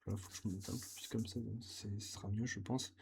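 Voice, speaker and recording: A man's voice: on the low side, fairly even intonation, quick pace, creaky, noisy background. A young man vlogging his language practice, talking casually and hesitantly as he writes. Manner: hesitant, thinking aloud while writing. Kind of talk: casual learning vlog. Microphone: camera set on the desk.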